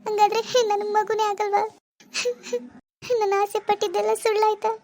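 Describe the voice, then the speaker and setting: A woman's voice: very high-pitched, little pitch movement, quick pace, darkish tone, pitched above the performer's own voice. A woman voicing a tearful, desperate young wife in a cartoon, pleading and despairing.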